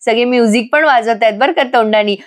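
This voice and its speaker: A woman's voice: fairly high pitch, fast. A woman recapping a TV serial episode in a chatty voice-over, talking straight to viewers and acting out the characters' lines. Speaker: TV serial reviewer.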